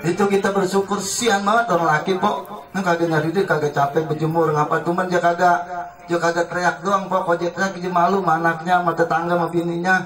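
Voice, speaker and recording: A man's voice: high voice, fairly even intonation, brisk. A man with a Betawi accent preaching a humorous sermon at a family celebration, telling jokes and acting out bits of dialogue. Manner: joking storytelling, acts out quoted dialogue. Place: community gathering, crowd around. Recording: echoey, distant mic, loud crowd.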